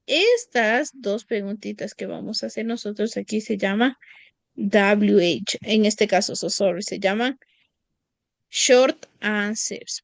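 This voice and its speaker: Slow, patient woman teaching English. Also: medium pitch, dry recording. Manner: slow, patient, repeats phrases. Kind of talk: classroom English lesson.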